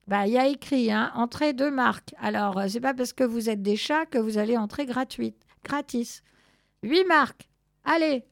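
A woman voicing a grumpy, bossy male chimpanzee guarding a door in a storybook, speaking loudly. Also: a little high, normal speed, creaky, dry recording, studio quality, pitched above the performer's own voice.

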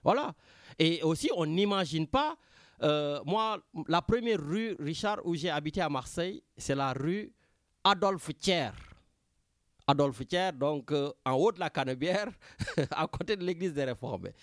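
A man with a Senegalese French accent hosts a radio talk show with animated, rambling commentary. His voice sits a touch high and swings widely in pitch as he repeats points for emphasis. The recording is close and dry. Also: normal speed, no room sound. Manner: animated, repeats himself, addresses Richard often. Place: Marseille.

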